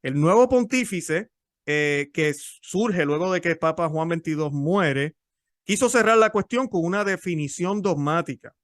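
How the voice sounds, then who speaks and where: A man's voice: on the high side, animated, measured pace, dry recording, studio quality. A man explaining church history in a teaching talk, often repeating and restarting words.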